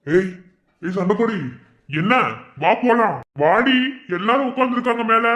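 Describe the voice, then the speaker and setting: A man's voice: very high voice, animated, moderate pace, a bit bright, roomy sound. A man voicing a playful young man in a cartoon who teases and coaxes his girlfriend, with a Madurai Tamil accent. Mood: coaxing. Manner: teasing, coaxing. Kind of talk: animated cartoon dialogue.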